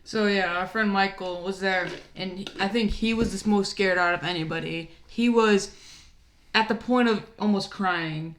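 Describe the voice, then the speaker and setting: A man's voice: high-pitched, steady tone, normal speed, a bit bright. A young man co-hosting a podcast, recounting a story in a laid-back, joking way with casual swearing. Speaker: podcast co-host.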